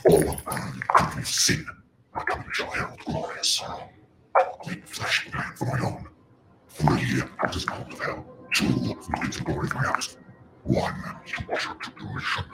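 An actor voicing a menacing, grandiose demon in a horror video game, with a harsh breathy growl and solemn, slow proclamations. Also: very deep voice, fairly even intonation, heavy background noise. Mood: grandiose, ominous.

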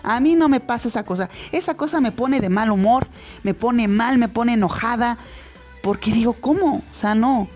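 A woman with a Mexican accent and a fairly high voice hosts a radio show and speaks straight to listeners. She lectures earnestly on values, rambling and circling back with many fillers. Soft music plays faintly behind her. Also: normal speed. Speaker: radio host. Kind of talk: casual radio monologue giving advice to parents. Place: radio studio.

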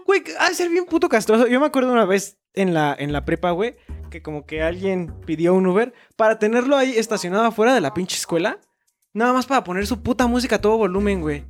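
A man's voice: sits high, big pitch swings, fast talker, soft background music. A man telling a school memory in casual chat, blunt and slangy.

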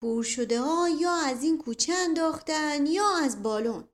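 A woman voicing a rustic old male servant in a storybook who talks loudly in a folksy, rambling way. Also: high voice, lively intonation, pitched above the performer's own voice. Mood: agitated.

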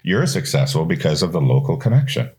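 A man's voice: extremely low pitch, big pitch swings, fairly quick, mellow, slightly rough. A man talking as a guest on a podcast about his publishing work, chatty, repeating and restarting words as he goes. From Canada. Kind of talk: casual podcast interview.

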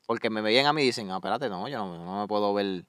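A young man with a Puerto Rican accent chatting as a musician guest in an interview, animated and acting out quotes. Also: on the low side, fast talker, clear, resonant tone, no room sound, clean studio sound. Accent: Puerto Rican Spanish. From Puerto Rico. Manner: animated, quotes others in acted voices. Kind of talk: casual interview chat.

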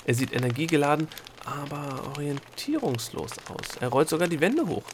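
A curious, hesitant young woman from a storybook, as a male reader puts her on. She speaks softly and a little higher, her questions halting and wondering. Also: sing-song, slight background noise.

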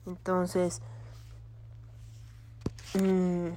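A woman's voice: on the low side, completely flat delivery, extremely slow, dark tone, a little hiss or hum. A woman with a Mexican accent, chatting casually to her viewers in a rambling way, with many fillers and casual swearing. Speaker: vlogger.

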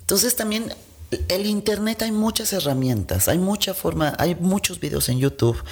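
A woman's voice: fairly low pitch, lively intonation, normal speed, a little mellow, slightly rough. A woman with a Mexican accent, a guest on a talk show, explaining earnestly and acting out quotes. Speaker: guest, head of a child welfare organization. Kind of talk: conversational interview.

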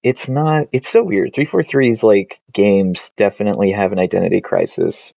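A man's voice: fairly low pitch, moderate pace, gravelly, dark tone, no echo. A man chatting casually about video games over a video call, rambling with lots of filler words. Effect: heard over a video call. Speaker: podcast co-host. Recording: dull, lo-fi call audio.

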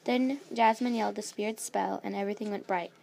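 A woman's voice: mid-range voice, fairly even intonation, fairly quick, vocal fry, darkish tone. A woman reading her own fan story aloud in a plain, unpolished way. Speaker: story reader.

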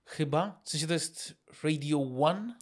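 A man co-hosting a podcast, talking in relaxed improvised chat with many fillers and restarts. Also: fairly high pitch, a little slow. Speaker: podcast co-host.

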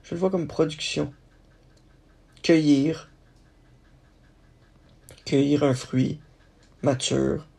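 Halting male podcast host, gravelly voice, slightly high. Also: steady tone, mellow. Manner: halting, thinking aloud, many restarts. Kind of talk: solo podcast musing.

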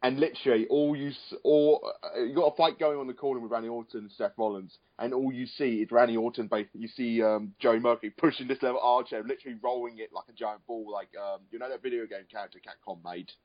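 A man's voice: medium pitch, fairly even intonation, fast, hardly any pauses. A man co-hosting a casual wrestling chat, rambling and repeating phrases for emphasis. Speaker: podcast co-host. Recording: dull, lo-fi audio.

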